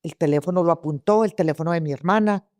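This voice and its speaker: A woman's voice: lowish voice, fast talker, darkish tone, no room sound, studio quality. A Colombian woman telling her story as an interview guest, vivid and full of restarts and repeated words. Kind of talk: personal testimony in an interview.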